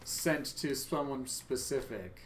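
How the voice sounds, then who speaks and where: A man's voice: medium pitch, animated, takes it slowly, a bit bright, a little hiss or hum. A man streaming a game live, commenting as he plays and chatting with viewers in a joking, profane way.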